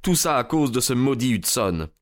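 A man voicing a distressed young gentleman in an audiobook, speaking higher and urgently. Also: very animated, normal speed, lightly acted.

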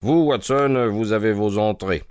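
A man voicing a brisk, self-assured detective in an audiobook, speaking in a measured way. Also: lowish voice, a little mellow, clear, resonant tone, no echo, clean studio sound, pitched above the performer's own voice, close to an everyday voice. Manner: measured, confident explaining. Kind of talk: audiobook character reading.

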